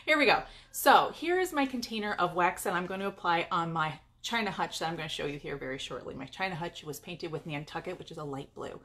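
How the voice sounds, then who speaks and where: A woman's voice: fairly low pitch, expressive, a little fast, few pauses, a bit bright, slight background noise. A middle-aged woman from California, chatting upbeat and casually to her viewers during a live-stream demonstration in her home garage. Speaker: furniture painter and paint business owner.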